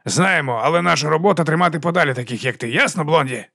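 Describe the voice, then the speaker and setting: Gruff bouncer voiced by a male audiobook reader, curt and mocking, dry close sound. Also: on the high side, fast talker, sharp tone, dry recording, voice pushed up, full character voice. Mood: dismissive. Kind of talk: audiobook character voice.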